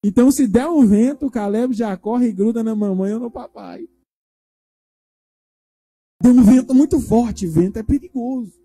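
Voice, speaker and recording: A man's voice: very high voice, moderate pace, pauses often, slightly rough. A male pastor giving a children's sermon in a church, retelling a story and asking the children questions as he goes. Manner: animated, asks the children questions.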